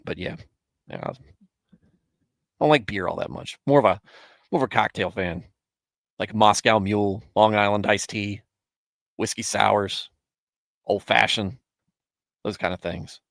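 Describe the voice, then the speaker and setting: Guy in his 30s on a live stream, kinda low voice, rambles and restarts a lot, laughs here and there, dry close sound. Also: unhurried, vocal fry, pauses often, a bit bright, no echo. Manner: rambling, self-correcting, chuckles often. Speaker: streamer hosting a Bible show. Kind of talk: casual live-stream chat with viewers.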